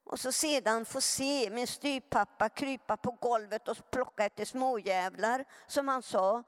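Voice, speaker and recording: A woman giving an earnest personal testimony to a live audience, often turning to them with direct questions. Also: a little high. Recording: long hall reverb.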